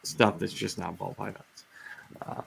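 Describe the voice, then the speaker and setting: A deep, creaky, slightly bright male voice speaks flatly at a measured pace on a low-quality recording with slight background noise. Hosting a casual reptile livestream, he rambles and rants, full of fillers and restarts, as he loses his voice.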